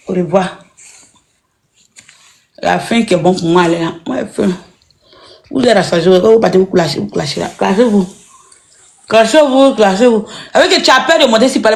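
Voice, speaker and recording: A woman with an Ivorian French accent teasing and insulting in casual banter on a phone live stream, often laughing as she talks. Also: medium pitch. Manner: teasing, mocking insults, laughs while talking.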